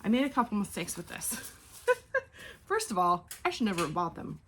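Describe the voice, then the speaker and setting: A woman's voice: mid-range voice, huge pitch swings, normal speed, a bit bright, slight background noise. A woman in her forties chatting casually at home while packing orders, rambling and often trailing off mid-thought. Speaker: online clothing reseller.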